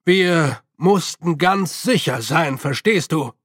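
A man's voice: fairly high pitch, lively intonation, takes it slowly, a bit bright, no echo, studio quality, exaggerated voice. A man reading an audiobook, voicing a nervous, apologetic old male postman who sounds set back and hesitant. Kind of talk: audiobook character voice.

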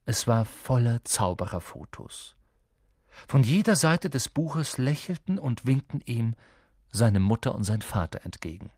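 A man reading an audiobook in expressive, scripted narration on a close mic. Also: medium pitch, unhurried, husky, dry recording. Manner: expressive, lively storytelling.

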